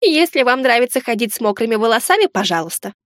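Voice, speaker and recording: A chatty little fairy house spirit, as a woman reading the story puts her on, fussing and exclaiming with theatrical excitement. Her lines ride a touch higher than the reader's own voice. It is recorded close and dry, with no room sound. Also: quick pace, no echo. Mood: chirpy.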